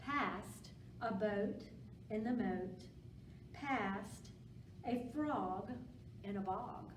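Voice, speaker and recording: Reading aloud to young children at storytime, this woman goes extremely slowly, her medium-pitched voice simple and encouraging. A distant mic picks up roomy echo and background noise.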